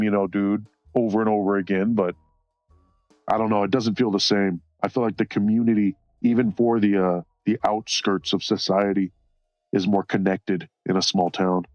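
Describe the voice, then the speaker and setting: A man's voice: on the low side, a little mellow, no room sound. A man streaming while he colors, chatting casually, rambling and swearing, often laughing and reading chat aloud. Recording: slightly dull sound, faint music behind.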